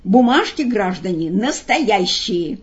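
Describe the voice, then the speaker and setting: A woman voicing a mocking male jester with a loud, bleating goat-like tenor, showy and taunting in a storybook reading. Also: medium pitch, sing-song, slow, highs cut off. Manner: taunting, showman-like.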